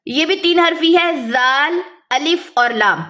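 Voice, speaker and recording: Bright, high-voiced woman teaching a lesson. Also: animated. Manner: explains patiently, then sounds letters out slowly and drawn out. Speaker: Quran reading teacher. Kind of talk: step-by-step lesson.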